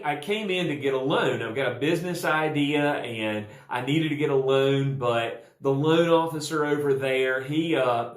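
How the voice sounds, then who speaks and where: A man's voice: medium pitch, close to an everyday voice. A man voicing a humble frog asking a bank for a loan, in a plain, earnest voice. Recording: roomy echo.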